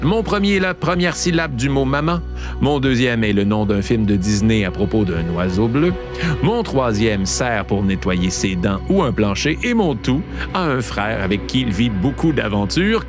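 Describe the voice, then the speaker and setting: A man with a Québécois accent hosting a show, playfully telling riddles and trivia and repeating each clue slowly. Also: lowish voice, sing-song. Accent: Québécois French. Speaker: podcast host. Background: background music.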